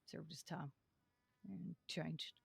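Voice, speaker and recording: A man role-plays a young lawman in a game, earnest and folksy. His is heavily creaky and husky, sitting a bit high for a man. He speaks in a measured, hesitant way with little swing in pitch. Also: steady tone, fairly bright tone, no room sound, heavily acted. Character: young Western lawman, son of a reformed outlaw, earnest. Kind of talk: improvised Western role-play.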